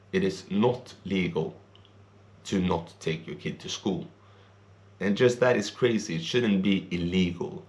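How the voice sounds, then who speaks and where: This man's voice sits low and sounds creaky. He's a young vlogger, born and raised in Sweden, rambling earnestly through an opinion piece in English with non-native grammar.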